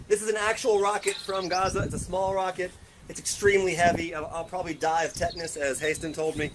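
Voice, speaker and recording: A man's voice: high voice, flat delivery, quick pace, background noise. A man on a roundtable panel explaining things in a wry, matter-of-fact way in casual talk.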